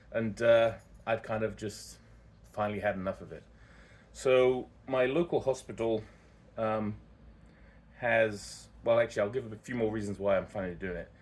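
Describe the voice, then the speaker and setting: Speaking in a lowish voice, this vlogger shares a personal story in a relaxed, rambling manner. He is candid and frequently stops to correct himself.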